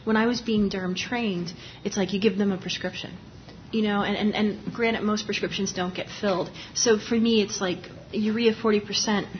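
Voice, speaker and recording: A woman's voice: mid-range voice, fairly even intonation, normal speed, hardly any pauses, dull audio, a little hiss or hum. A woman lecturing on dermatology in a conversational, explanatory way, restarting sentences often and talking with a lozenge in her mouth. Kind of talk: live lecture.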